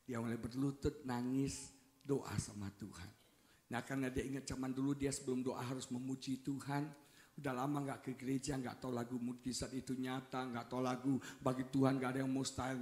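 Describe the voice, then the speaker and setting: A man preaching a revival sermon as pastor, telling stories with jokes and calling out to his listeners. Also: medium pitch. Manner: animated storytelling, joking, often addresses listeners as "saudara". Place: church hall. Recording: echoey church hall.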